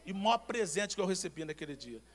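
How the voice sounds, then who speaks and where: A Brazilian man preaching a sermon as pastor, telling personal anecdotes in an animated, emphatic way with repeated words. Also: high-pitched, quick pace. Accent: Brazilian Portuguese.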